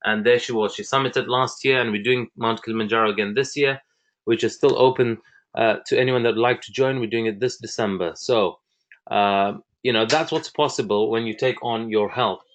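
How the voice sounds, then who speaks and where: A man's voice: medium pitch, normal speed. A man in his thirties, from the United Kingdom, presenting a fitness program with enthusiasm and frequent fillers like "uh" and "um". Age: 30s. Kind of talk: presentation talk.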